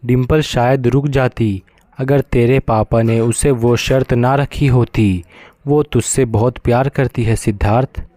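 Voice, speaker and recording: Soothing, caring mother in a storybook, read by a man with a mellow, dry voice. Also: mid-range voice, fairly even intonation, unhurried, dry recording, lightly acted. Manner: soft and soothing.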